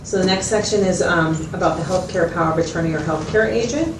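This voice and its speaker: Her natural voice on the low side and her pace quick, a woman role-plays a patient, methodical mental health clinician. She explains and checks understanding with questions in a patient, explanatory tone. A distant mic captures her in an echoey room with background noise.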